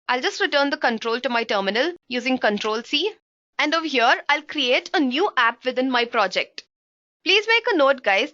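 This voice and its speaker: A woman's voice: sits high, bright, forceful tone, no echo, highs cut off. A woman instructor giving a live coding tutorial, explaining each step and often calling her listeners guys, heard through livestream headset audio. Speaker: programming instructor.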